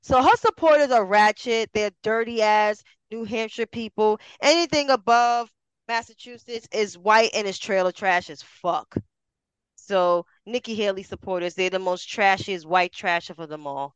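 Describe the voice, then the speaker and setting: A woman's voice: mid-range voice, moderate pace, clear, resonant tone, no echo, low-quality recording. A woman co-hosting a casual podcast, blunt and opinionated, swearing freely. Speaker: podcast co-host. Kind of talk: casual panel podcast chat.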